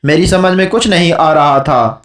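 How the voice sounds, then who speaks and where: A man narrating a horror story for an audiobook in a steady, dramatic reading style. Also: a little high, echoey room, recorded from a distance.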